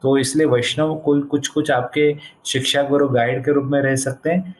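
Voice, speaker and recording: A man's voice: mid-range voice, steady tone, normal speed, slight background noise. A man, a spiritual teacher, answering youth questions in a devotional talk, explaining through homely stories and mixing English phrases into his Hindi. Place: online session.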